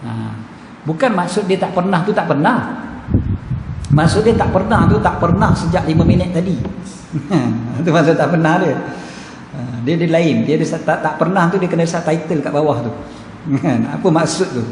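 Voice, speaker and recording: A man's voice: a little high, normal speed. Malaysian ustaz man giving a mosque talk, jokey, mimics people, roomy hall with background noise. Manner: humorous, acts out quoted voices. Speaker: religious teacher. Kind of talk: mosque lecture. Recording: echoey hall, background ambience.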